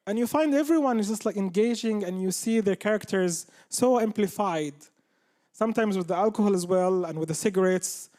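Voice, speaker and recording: A man's voice: sits high, darkish tone. A man, telling a humorous personal story to a live audience. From Palestine. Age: 30s. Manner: humorous, anecdotal. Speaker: speaker at a live talk.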